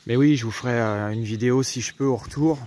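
Holding the camera at arm's length, a young adult travel vlogger from France rambles through his casual vlog in a mid-range, slightly mellow voice, talking fast with lots of fillers. He moves between a foggy forest, a parking lot outdoors, and the inside of a camper van. Slight background noise is audible.

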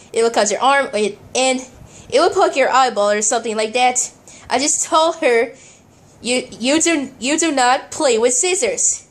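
Woman doing a fed-up young lady, high voice, lecturing and repeating herself. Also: close to an everyday voice. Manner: rambling, repetitive explaining.

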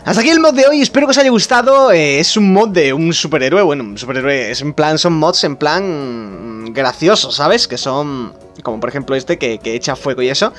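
A young man with a Spain Spanish accent commentates a video game, his pitch jumping all over as he gets excited. He talks over faint background music. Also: a little fast, few pauses. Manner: excitable, laughing, animated. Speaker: gaming YouTuber.

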